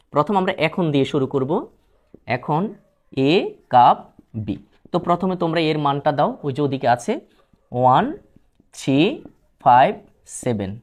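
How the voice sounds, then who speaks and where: A man's voice: a little high, a little mellow. A male math teacher with a Bangladeshi Bengali accent, patiently explaining a lesson step by step and mixing in English terms. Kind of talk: classroom math lesson on video.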